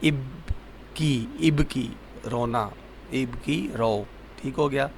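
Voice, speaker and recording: A man teaching vocabulary, repeating each word slowly and asking the listener what it is called. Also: medium pitch, gravelly, a little hiss or hum. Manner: slow, repetitive drilling of words. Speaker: Arabic teacher. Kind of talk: vocabulary lesson.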